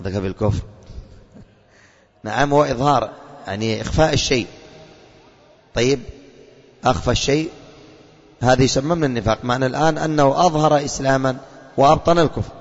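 Man quizzing students in echoey classroom. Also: medium pitch. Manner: quizzing, calls on students, repeats answers. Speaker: religious teacher. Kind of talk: classroom lesson with questions to students. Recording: long reverb, dull lo-fi.

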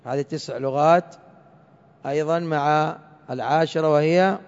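A man teaching a grammar lesson to a class, speaking deliberately and repeating each word for his students. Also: a little high, steady tone, clear, resonant tone. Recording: dull lo-fi recording in a reverberant hall.

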